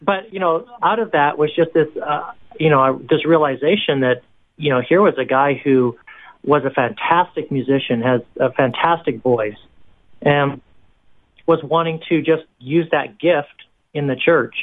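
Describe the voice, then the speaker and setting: A man from Canada, a worship pastor, tells his story in a relaxed, chatty way with a slightly high voice. He comes through a narrow, tinny phone-like line. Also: unhurried. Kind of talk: interview guest, casual storytelling.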